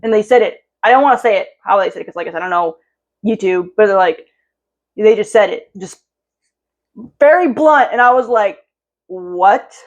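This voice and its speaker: A young woman talks to her camera about something personal, rambling through fillers and restarts. She is emotional and close to tears as she goes. The sound is a little dull and lo-fi, and her voice sits at a middle pitch. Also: expressive, brisk, pauses often. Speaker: vlogger.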